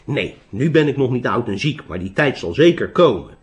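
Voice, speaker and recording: A man's voice: mid-range voice, big pitch swings, normal speed, lightly acted. Man voicing a hesitant young wandering monk. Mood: earnest. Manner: hesitant, polite. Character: earnest young wandering monk, polite and unsure.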